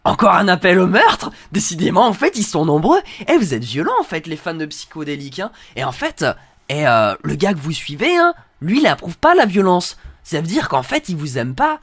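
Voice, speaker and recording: With a high, sing-song, slightly rough voice of fairly bright tone, a young creator speaks at normal speed in a dry, close-miked room. He reads hateful comments aloud in put-on voices, reacting with mockery and irony.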